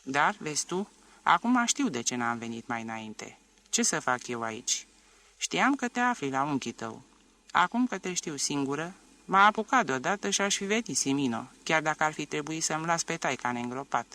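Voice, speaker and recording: A man's voice: on the high side, very animated, bright, forceful tone, exaggerated voice. A man playing a blunt old soldier peasant.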